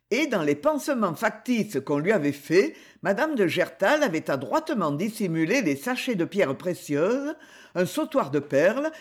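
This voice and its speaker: Woman reading a novel aloud. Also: mid-range voice. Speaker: audiobook narrator. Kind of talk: audiobook narration.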